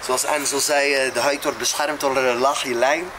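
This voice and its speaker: Guy w average pitch, jokey casual banter, bit of english, noisy outside. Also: steady tone, normal speed. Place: outdoors. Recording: noisy outdoor recording with vehicle sounds.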